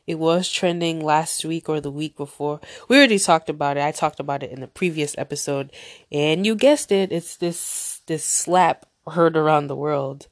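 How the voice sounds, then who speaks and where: Her voice sits low and comes through a dry, clean studio recording. She hosts her casual podcast alone, nasal with a cold, talking in a chatty way that wanders into tangents.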